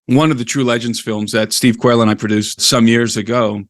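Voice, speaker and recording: Fairly quick and fairly even in intonation, this middle-aged podcast guest has a mid-range voice, recorded with no room sound. He wanders off on tangents while explaining history at length, keeping the storytelling casual and conversational.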